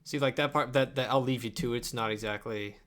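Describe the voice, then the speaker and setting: This young streamer talks a little fast with fairly even intonation, his medium-pitched voice slightly bright, as he edits video at a home desk. He's casual and offhand, sometimes muttering, while keyboard and mouse clicks sound in the background.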